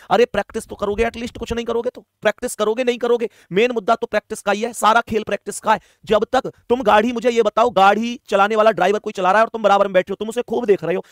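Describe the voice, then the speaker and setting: High-voiced fast-talking man, emphatic teacher. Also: dry recording, studio quality. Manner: emphatic, coaxing, asks viewers to reply; repeats key points for emphasis. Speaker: exam coaching teacher. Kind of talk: online math lesson.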